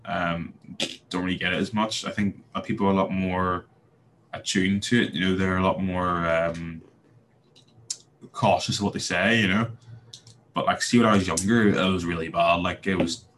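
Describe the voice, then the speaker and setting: This young Northern Irish man with a Belfast accent is a podcast guest in casual interview talk, hesitant and full of fillers and restarts. His voice is low and steady at a moderate pace, with background noise.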